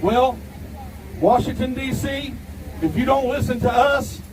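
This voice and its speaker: A middle-aged man from Ohio giving a defiant rally speech outdoors, shouting at times. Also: extremely high pitch, measured pace. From Ohio, USA. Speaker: rally speaker. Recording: distant mic, crowd and street noise.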